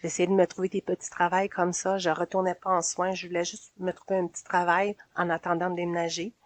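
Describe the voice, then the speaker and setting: A woman in her forties from Quebec with a Québécois accent, telling her story as a podcast guest in a relaxed, hesitant way. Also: on the low side, fairly quick, no echo. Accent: Québécois French. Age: 40s. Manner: relaxed, hesitant with frequent "euh". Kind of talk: casual storytelling.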